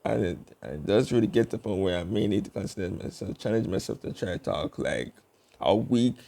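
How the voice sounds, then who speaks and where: A young man talking to camera in a casual vlog, rambling with fillers and restarts as he tries to keep his speech slow. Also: mid-range voice, vocal fry, mellow. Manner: working to speak slowly and deliberately. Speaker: YouTube vlogger.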